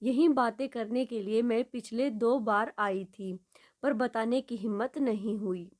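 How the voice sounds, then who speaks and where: A woman storyteller voicing an unhappy young married daughter who speaks quietly and with restrained pain. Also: a little high, unhurried. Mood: sad.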